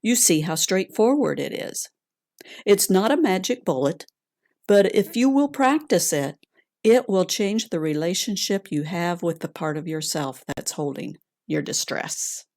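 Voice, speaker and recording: A woman guides a calm grounding exercise in a fairly low voice with a noticeably creaky edge. She speaks gently and deliberately, as an instructor giving soothing guidance. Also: no room sound, studio quality. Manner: slow, gentle, deliberate with long pauses.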